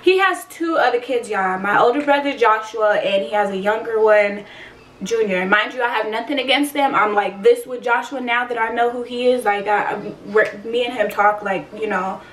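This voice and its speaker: A woman in her twenties tells a personal story in a casual vlog, blunt, emotional, and swearing a lot. Her voice is a little high and fairly bright at a normal speed, recorded at a distance with roomy echo and faint ambient noise.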